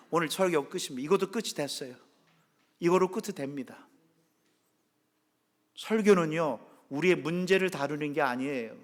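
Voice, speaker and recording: A man preaching a Sunday sermon as pastor, full of animated questions put to the congregation. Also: on the high side. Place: church sanctuary. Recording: long reverb of a church hall.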